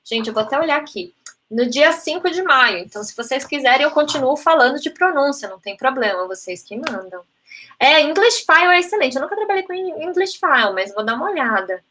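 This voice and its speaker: A woman's voice: high voice, lively intonation, a little fast, pushed and bright, a little hiss or hum. A woman with a Brazilian Portuguese accent, a language teacher giving a live online talk on phonetics, chatty and dropping in English terms. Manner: chatty, frequent "né?" tags, mixes in English terms. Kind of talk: live online talk answering chat questions.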